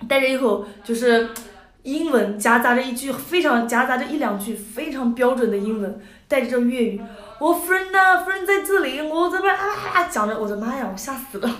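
A young woman in her twenties spins a funny story for her audience, animated and quick to giggle. She slips into playful voices whenever she quotes someone. Her voice sits a little high and rings in an echoey room. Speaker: idol group member. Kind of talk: casual storytelling to a livestream audience.

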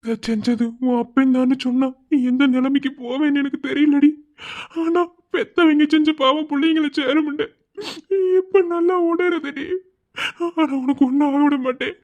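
Woman doing a young man, cartoon lover, Madurai Tamil accent, pleading, high voice, muffled lo-fi sound. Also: steady tone, normal speed, darkish tone, natural voice. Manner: pleading, protective. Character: young man Selva, devoted anxious lover. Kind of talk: cartoon voice acting. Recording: dull lo-fi recording.

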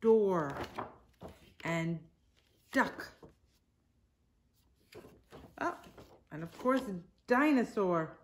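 This woman in her forties speaks extremely slowly and pauses often, her mid-range voice full of lively intonation, with a little hiss or hum behind it. Like a teacher at children's storytime, she reads a picture book to young children in a home living room, using simple phrases, stressed words and little asides.

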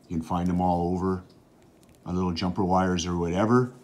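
This middle-aged outdoors channel host speaks in a very low, darkish voice with fairly even intonation. In a casual how-to demonstration at an indoor bench, camera aimed at his hands, he explains the hands-on project in an easy, matter-of-fact way, dropping in an occasional "uh."

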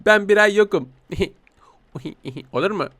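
A man's voice: sits high, takes it slowly, fairly bright tone, slight background noise. A man giving playful, teasing game commentary as a talking cat, giggling often. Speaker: gaming YouTuber playing a talking cat.

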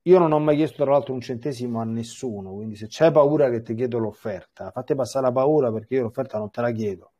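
Dark, husky-voiced priest teaching scripture. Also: male voice, mid-range voice, fast talker, few pauses. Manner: repeats words and restarts phrases. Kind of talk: biblical catechesis with scripture reading.

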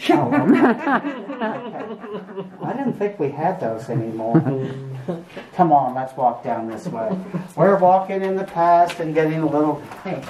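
Crowd noise surrounds a low-pitched woman leading a cave tour, who speaks at a moderate pace in a folksy, joking manner to her group. The clip comes from a visitor's camera at a distance, with noisy on-location sound.

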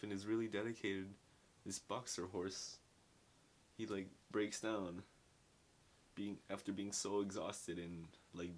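Young male book reviewer, deep voice, slangy and rambling, casual at-home delivery. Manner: rambling, slangy, filler-heavy with lots of "like". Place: small dim bedroom at home.

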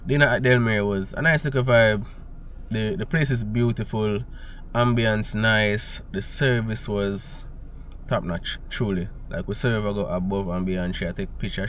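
Relaxed Jamaican man, low voice. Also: far from the mic, slight background noise. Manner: relaxed, mixing patois with plain English. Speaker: travel vlogger. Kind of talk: casual vlog commentary.

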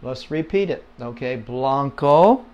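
A man giving a casual home-made Spanish lesson, slow and patient, with many fillers, repeating words for listeners to say along. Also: fairly high pitch, lively intonation, muffled recording. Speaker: Spanish teacher.

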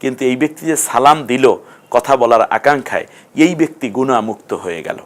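A man's voice: mid-range voice, lively intonation, quick pace. A man teaching a recorded Quran reading lesson, explaining letters and vowel marks step by step and putting questions to his students. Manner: patient, step-by-step explaining, asks questions of learners.

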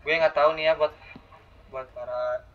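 A man's voice: a little high, fairly even intonation, moderate pace. Chatty young man. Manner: chatty, talks to viewers, sudden startled exclamations. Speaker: gaming channel host. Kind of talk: horror game let's play commentary. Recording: dull lo-fi audio with faint hiss.

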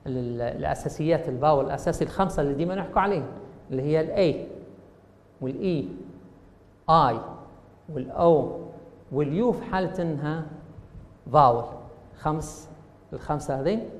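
A man with a Libyan Arabic accent teaches an English lesson, laying out each rule step by step and repeating it in both languages. His voice sits a little high. The recording carries a long reverb, as if he speaks in a large hall. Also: a little mellow. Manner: explains step by step, switching between Arabic and English. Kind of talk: classroom lesson explaining grammar.

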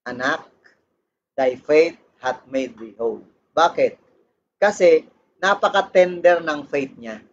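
High-pitched pastor guy preaching mixed tagalog and english, lots of amen?, dull lo-fi church recording. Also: slow, pauses often, slight background noise. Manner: animated Taglish preaching, frequent "Amen?" and "di ba?". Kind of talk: sermon. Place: church service.

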